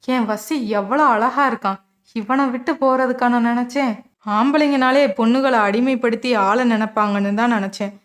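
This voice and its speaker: A woman voicing a brave young wife, soft and introspective as she reflects on her love. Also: fairly high pitch, moderate pace, lightly acted. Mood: reflective.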